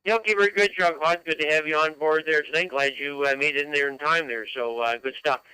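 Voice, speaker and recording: A man calls a ham radio net in casual, procedural stock phrases. His voice is fairly high, quick and very bright, coming through a dry two-way radio transmission with static. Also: steady tone, clean tone, dry recording, rough recording. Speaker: amateur radio net controller.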